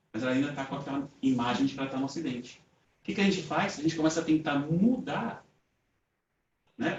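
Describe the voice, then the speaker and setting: A man with a Brazilian Portuguese accent lectures in a casual storytelling way. His voice sits a bit high. It sounds distant and echoey, with a dull lo-fi tone. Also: darkish tone. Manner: casual storytelling, often ends phrases with a tag question; acts out the dialogue he reports. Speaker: lecturer at a Spiritist group. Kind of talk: conversational lecture. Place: meeting room with an audience.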